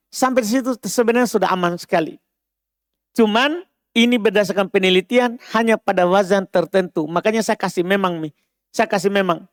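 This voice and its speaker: A man's voice: high-pitched, fairly bright tone, no echo, studio quality. A man from Indonesia with a Makassar accent, teaching Arabic grammar as a classroom lecture, often quizzing listeners and repeating his phrases.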